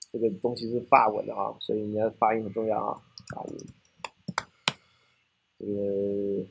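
A man's voice: fairly low pitch, vocal fry, breathy edge. A man with a Taiwanese Mandarin accent giving a technical classroom lecture, often asking rhetorical questions and checking in with "right?".

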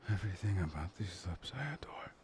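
A man voicing a possessive, obsessive young man in a whispered audio roleplay, murmuring slowly and breathily. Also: sits low, sing-song, darkish tone, a little hiss or hum. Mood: adoring. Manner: murmuring, intimate, slow and breathy.

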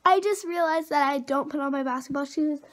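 Chatting informally and rambling, a 13-year-old vlogger records herself at home with the camera held at arm's length or propped nearby. Her high voice is fairly bright and a little fast. The handheld home audio is noisy.

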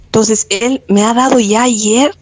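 A woman's voice: on the high side, fairly even intonation, measured pace, no echo, poor audio. Earnest Bolivian woman giving testimony. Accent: Bolivian Spanish. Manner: earnest and devout, often addressing the pastor. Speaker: church member giving a testimony. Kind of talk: earnest spoken testimony to a pastor.

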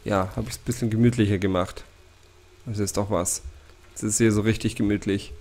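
A man's voice: fairly low pitch, steady tone, normal speed, a little mellow. A man commenting on a horror game he plays, jittery and talking to his viewers with frequent scared gasps. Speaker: let's play gamer.

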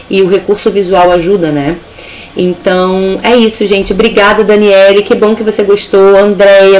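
A woman's voice: mid-range voice, a little mellow, poor audio. Upbeat Brazilian woman teaching English. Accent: Brazilian Portuguese. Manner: upbeat, explains step by step, slows to repeat lines in English. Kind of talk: live online English lesson.

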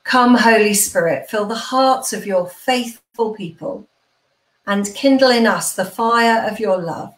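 A middle-aged woman, a church minister, informally leads online worship and prayer from a small room in her home. Her voice is mid-range and unhurried, picked up by a computer mic on a video call with roomy home sound.

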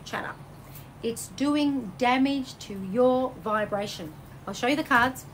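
A woman hosting a live stream as a psychic medium, reading out viewer comments with bubbly, effusive energy that swings between high exclamations and low soothing tones. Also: slow pace, slight background noise. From Australia.

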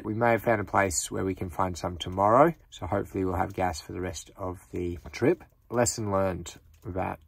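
A man's voice: low voice, vocal fry, a bit bright, breathy edge, no room sound. A man speaking casually to the camera on a road trip, matter-of-fact and wry. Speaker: travel vlogger. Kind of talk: casual vlog talk.

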